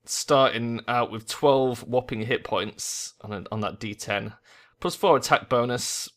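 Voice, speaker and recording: A man hosting a casual let's play, talking in a mid-pitched voice. He thinks aloud in an informal, sweary way, commenting on the game as he goes. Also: a bit bright. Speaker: gamer, let's play host.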